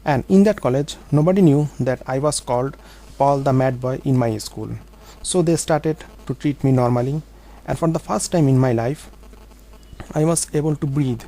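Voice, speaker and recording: A man telling his own life story as a vlog monologue, in an earnest, halting way with small grammar slips. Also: medium pitch, mellow, rough recording.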